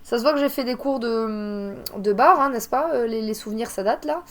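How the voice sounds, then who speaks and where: A woman chatting casually with a friend, animated and laughing often. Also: fairly high pitch, moderate pace. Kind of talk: casual chat.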